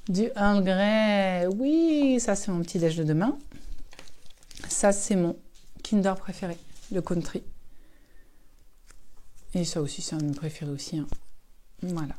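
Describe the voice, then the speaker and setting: A middle-aged woman, hoarse and losing her voice, chatting casually and rambling with many fillers in an evening knitting vlog. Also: medium pitch, moderate pace, long pauses, a little mellow, a little hiss or hum. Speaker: knitting vlogger.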